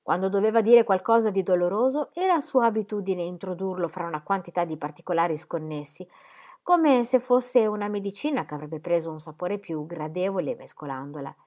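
A woman narrating a classic novel aloud in a steady, measured reading. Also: fairly low pitch. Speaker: audiobook reader. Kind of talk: literary narration.

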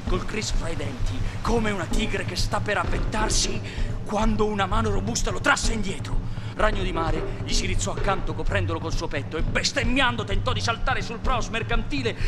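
Male reader, high voice, dramatic novel reading over music. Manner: vivid, driving narration.

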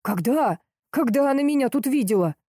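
A woman's voice: sits high, animated, normal speed, dark tone, no echo, studio quality, pitched above the performer's own voice. A woman voicing an irritable middle-aged man under suspicion who snaps back defensively. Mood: indignant. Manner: snappish and indignant.

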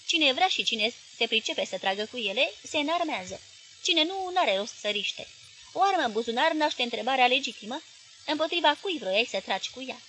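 A woman's voice: sits high, lively intonation, pushed and bright, poor audio. A woman reading the lines of a tense, decisive male newspaper owner in an audiobook, urgent and commanding. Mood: firm.

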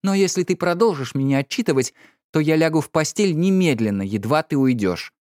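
A man reading an audiobook, voicing an irritable, distraught young noblewoman with sharp, exasperated outbursts. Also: on the high side, lively intonation, fairly quick, no echo, studio quality, pitched above the performer's own voice, close to an everyday voice. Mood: cold, weary.

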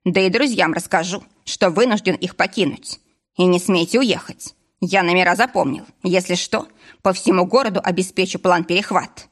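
A woman's voice: lowish voice, moderate pace, lightly acted. A woman reading an audiobook voices a stern former police officer who speaks firmly and curtly. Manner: firm, commanding, curt.

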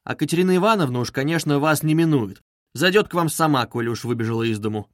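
A man's voice: on the high side, lively intonation, moderate pace, dry recording, pitched above the performer's own voice, natural voice. A man voicing a brooding, feverish young man who presses his questions insistently, read as an audiobook in a dry studio. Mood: irritated. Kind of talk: audiobook reading.

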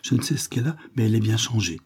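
A man voicing a kindly, composed gentleman lawyer who speaks in a gentle, measured way. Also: on the low side, animated, slightly rough, voice pushed up. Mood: pensive.

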